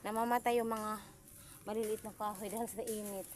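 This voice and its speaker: A breathless woman talks casually to her viewers from out in the woods, a native Cebuano speaker pointing things out as she goes. Her voice sits at a middle pitch, with clear outdoor ambience and rustling noise behind her. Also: level tone, a little fast, darkish tone. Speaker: vlogger. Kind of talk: casual vlog narration. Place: forest outdoors. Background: outdoor rural ambience.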